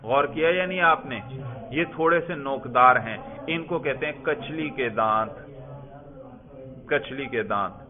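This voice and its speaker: A male teacher giving a classroom grammar lesson, explaining patiently, repeating key words and quizzing his students. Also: mid-range voice. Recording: tinny phone-like audio.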